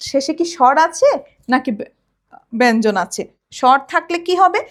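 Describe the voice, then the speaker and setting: A woman's voice: high voice, expressive, normal speed. A woman college lecturer from Bangladesh, giving a recorded lesson and explaining step by step, often asking a question and answering it herself. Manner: recites children's rhymes to show rhythm.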